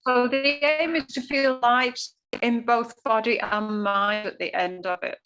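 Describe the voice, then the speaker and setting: A woman's voice: on the high side, fairly even intonation, a little slow, fairly bright tone, clean tone, low-quality recording. A woman who teaches Ayurveda, explaining things earnestly with plenty of fillers during a talk over a video call. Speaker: Ayurveda educator.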